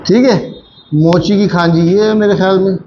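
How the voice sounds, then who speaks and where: A man with a high, light voice teaches a grammar class, saying each phrase over and over. He keeps stopping to put questions to his students. A faint hum sits under the room sound. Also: fairly even intonation, normal speed, dark tone, dull audio. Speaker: Japanese language teacher.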